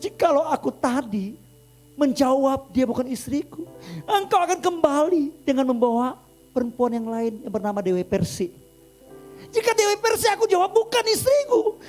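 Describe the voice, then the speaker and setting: A man's voice: very animated, normal speed, darkish tone, faint music behind. A man doing a tearful frail old grandfather. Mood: pleading. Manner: high, tearful crying voice.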